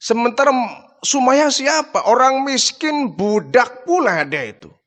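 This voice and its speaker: A man's voice: very high-pitched, animated, unhurried, fairly bright tone, voice pushed up, full character voice. A man playing a cruel, arrogant male chief who boasts and threatens, within a storytelling sermon. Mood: indignant.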